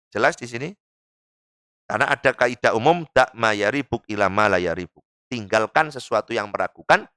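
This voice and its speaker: Lively, bright-voiced East Javanese preacher. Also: male voice, a little high, no echo, studio quality. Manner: lively, jokey, mixing local dialect into the lesson. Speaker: Islamic teacher. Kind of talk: religious study lecture. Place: mosque.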